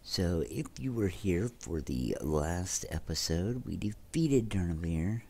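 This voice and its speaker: This is casual gameplay commentary from a young man whose low, gravelly voice is warm and animated yet slow. He sounds stuffed up and congested while chatting straight to viewers, with a slight amount of background noise.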